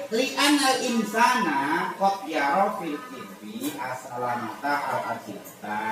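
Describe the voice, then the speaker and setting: A man teaching a religious lesson to a class, reading Arabic lines and explaining them casually, acting out little scenes. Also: high-pitched. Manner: reads Arabic text then explains it in casual speech; acts out short scenes in quoted voices. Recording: echoey room, far from the mic, noisy.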